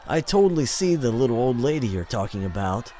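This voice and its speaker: A man's voice: medium pitch, very animated, a little fast, warm tone, close to an everyday voice. A man voicing a cocky, teasing hacker who speaks through a hidden audio link, in an audiobook reading. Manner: brash, teasing, slangy. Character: cocky young hacker voice, show-off, brash.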